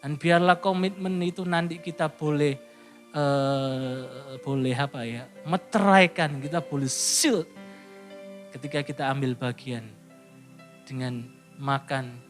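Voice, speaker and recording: Middle-aged pastor, high voice, preaching in church over quiet piano. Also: male voice, slow pace, long pauses. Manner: animated preaching, rising high then dropping to a near hush. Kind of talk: sermon. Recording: soft piano music behind.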